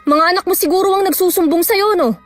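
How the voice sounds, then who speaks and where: An actress playing a gossipy, resentful wife who complains and argues defensively. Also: female voice, very high-pitched, fast, soft background music. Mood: bickering.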